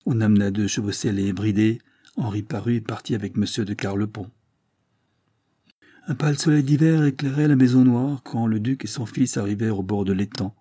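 Guy reading an old novel audiobook, husky voice, dry close sound. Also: lowish voice, fairly quick, warm tone, dry recording. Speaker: audiobook narrator. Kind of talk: literary audiobook narration.

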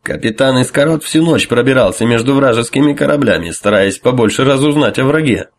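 A man's voice: mid-range voice, a little fast, voice pushed up, lightly acted. A man voicing a restrained admiral who speaks with formal, strained courtesy. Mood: tense polite. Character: restrained middle-aged male admiral, tense and polite.

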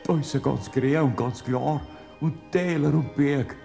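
A humble old villager speaks at medium pitch with hesitant wonder. His Bavarian accent suits the radio-play style, with music behind. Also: measured pace, creaky, mellow. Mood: awed. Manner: hesitant, awed. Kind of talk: German dialect radio play.

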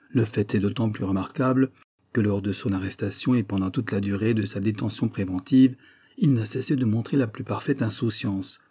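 A man reading a classic novel aloud in measured, even scripted narration. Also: medium pitch, breathy edge. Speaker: audiobook reader.

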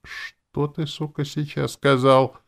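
Male narrator as hot-tempered female elf writer, squeaky, swearing, pushed into a raised pitch. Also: huge pitch swings, unhurried, exaggerated voice. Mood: heated.

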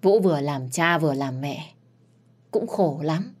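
A woman storyteller narrating a family drama in a measured, sorrowful way. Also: deep voice, lively intonation, darkish tone. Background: faint background music.

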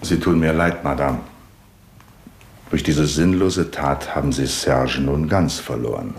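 In a 1970s radio drama, an actor voices a shrewd, calm police commissioner with a Swiss German accent. His bass voice carries reverb as he questions in a measured, courteous, probing manner, with an accusing mood.

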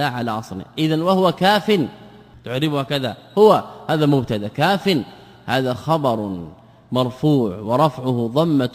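A man's voice: medium pitch, darkish tone. A male scholar teaching grammar in a classroom lesson, repeating words and quizzing his students with questions. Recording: long reverb of a large hall.

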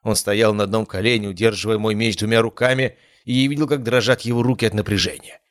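A man reading a first-person fantasy story aloud in a steady, measured way. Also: fairly low pitch, no room sound, clean studio sound. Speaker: audiobook narrator.

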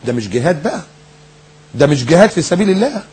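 A man with an Egyptian Arabic accent preaching a recorded sermon, animated and mocking, firing rhetorical questions and mimicking people. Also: a little high, fast talker, breathy edge.

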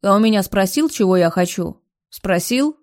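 A woman's voice: medium pitch, expressive, normal speed, natural voice. Woman reading a cocky rich young man. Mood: defiant. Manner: blunt and teasing.

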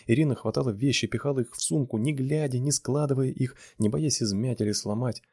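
A man reading a romance novel aloud in a steady, measured narration. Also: mid-range voice, breathy edge, no echo, studio quality. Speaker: audiobook reader.

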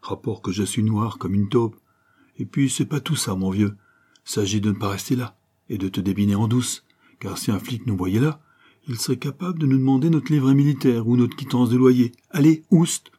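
A man's voice: mid-range voice, moderate pace, warm tone, breathy edge, pitched above the performer's own voice, lightly acted. A man voicing a bold, streetwise street urchin boy with slangy, boastful patter. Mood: cocky.

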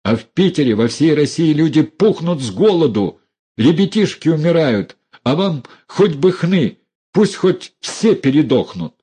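A man's voice: on the high side, big pitch swings, unhurried, mellow, breathy edge, voice pushed up, exaggerated voice. A man voicing a furious, defiant young woman who hurls scornful accusations at her relatives.

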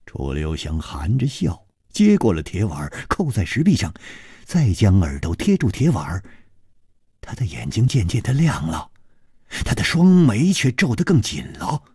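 A male storyteller narrates with lively, expressive delivery, and his pitch swings widely. His voice is husky. It is recorded in a dry, close radio studio. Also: a little slow, dry recording. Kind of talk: traditional Chinese storytelling.

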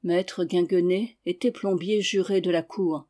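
Measured audiobook narrator. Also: medium pitch, steady tone, warm tone. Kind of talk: scripted narration of a historical novel.

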